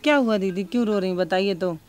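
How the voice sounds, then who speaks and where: A woman's voice: medium pitch, quick pace, clear, resonant tone, faint music behind. A woman reporting on location as a field news reporter, coaxing and pleading with questions, then speaking impassioned to camera.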